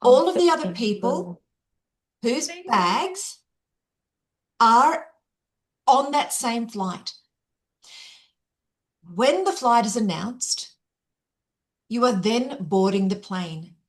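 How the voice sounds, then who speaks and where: Woman, middle-aged, fairly high voice, upbeat keynote presenter on a video call, talks right to the audience. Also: lively intonation, extremely slow, pauses often. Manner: chatty, upbeat, addresses the audience directly. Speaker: keynote speaker. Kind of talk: interactive online workshop presentation.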